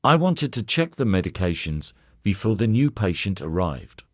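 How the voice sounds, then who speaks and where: A man's voice: lowish voice, big pitch swings, moderate pace, no echo, clean studio sound. A man voicing a frightened young woman nurse who answers hesitantly. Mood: nervous.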